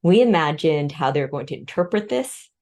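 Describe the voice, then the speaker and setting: Speaking at a normal speed in a low, darkish voice with lively intonation, this woman, born in Vietnam and raised in the US, appears as an interview guest with expertise in respect. The conversation mixes studies with personal anecdotes, and she laughs lightly between points.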